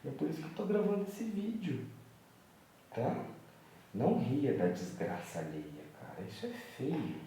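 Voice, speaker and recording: A young man softly coaxing and lecturing his baby son at home at night while filming a vlog, gentle and moralizing. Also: medium pitch, sing-song, a little slow, far from the mic, slight background noise. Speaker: vlogger and father. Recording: echoey room, voice from off-mic.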